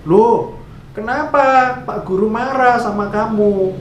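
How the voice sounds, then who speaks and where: A man's voice: high voice, slow, muffled recording, noisy background, pitched above the performer's own voice. A man doing a coaxing, scolding mother. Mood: questioning. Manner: questioning, coaxing. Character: scolding but caring mother. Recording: echoey room.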